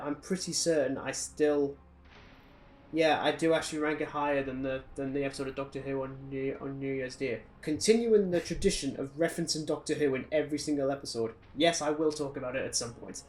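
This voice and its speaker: On a low-quality recording, a British podcast co-host with a voice on the high side rants about films. The chat is casual but opinionated and sardonic.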